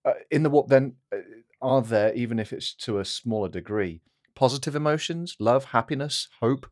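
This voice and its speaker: A man's voice: mid-range voice, normal speed, dry recording, studio quality. A man co-hosting a casual podcast, asking questions and checking that he has understood. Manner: inquisitive, checking his understanding. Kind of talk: casual chat.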